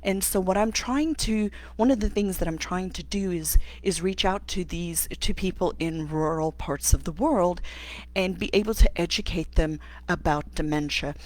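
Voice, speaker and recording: Fairly low in pitch and darkish in tone, this middle-aged occupational therapist from South Africa hosts a live stream. Her replies to viewers' questions are thought out aloud, with many pauses and restarts.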